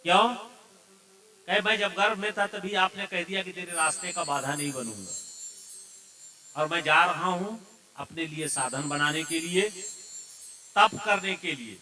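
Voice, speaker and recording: A man's voice: high-pitched, unhurried, long pauses, bright, forceful tone, a little hiss or hum, full character voice. A man voicing a young boy sage who firmly refuses to be bound by family ties, in a devotional storytelling style. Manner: earnest, firm refusals.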